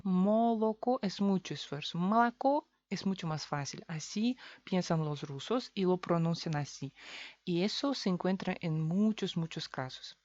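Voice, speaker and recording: A woman from Russia speaking Spanish with a Russian accent, teaching a language lesson, explaining slowly and repeating example words. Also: fairly low pitch, darkish tone, no echo, muffled recording.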